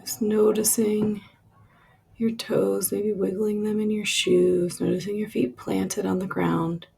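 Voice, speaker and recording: This woman's mid-range voice stays level as she leads a relaxation meditation very slowly. Heavy creak and a husky, breathy edge colour her gentle, lingering phrases, which quieten as they trail off.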